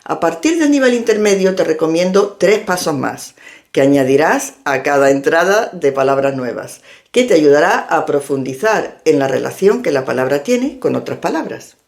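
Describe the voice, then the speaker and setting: A woman who is an English teacher and linguist, giving a clear, step-by-step explanatory language lesson. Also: sits low, sing-song, normal speed, darkish tone. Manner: clear, step-by-step instructive delivery.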